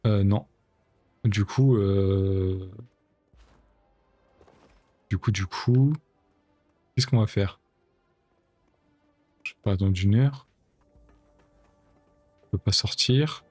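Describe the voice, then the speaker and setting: Man, gaming streamer, casual let's-play chatter, lowish voice, dry close mic, faint music behind. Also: drawn-out words, long pauses, darkish tone, no echo. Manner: chatty, thinks aloud, mutters to himself while playing.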